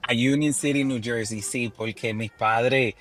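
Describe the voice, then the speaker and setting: A man from New York, a musician guest, answering interview questions in a relaxed way with many fillers and some English words mixed in. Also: mid-range voice, a little slow.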